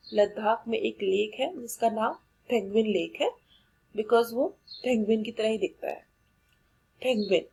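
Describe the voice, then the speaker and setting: Slow-talking Indian woman teaching vocabulary. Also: on the high side, gravelly, darkish tone, husky, poor audio. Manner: repeats words, spells them out letter by letter; mixes Hindi and English. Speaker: English teacher. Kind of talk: vocabulary lesson.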